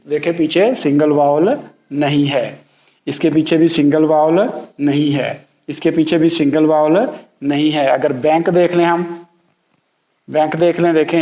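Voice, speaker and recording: A man teaching English spelling rules, patiently repeating each rule and example word. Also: fairly high pitch. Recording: echoey room, dull lo-fi sound.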